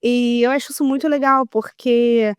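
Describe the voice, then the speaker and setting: Smooth-voiced woman podcast host. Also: fairly high pitch, steady tone, moderate pace, no room sound, clean studio sound. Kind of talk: podcast interview.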